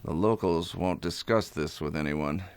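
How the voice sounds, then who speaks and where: A man's voice: low voice, normal speed, clean tone. A man voicing a confident, blunt homicide lieutenant in an anime dub, assured and matter-of-fact. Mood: grave.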